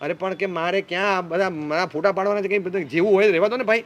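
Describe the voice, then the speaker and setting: Fast, high-voiced man giving a playful sermon. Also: steady tone, highs cut off. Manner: playful, teasing, mimics parents and teens. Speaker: speaker addressing young people. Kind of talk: humorous sermon.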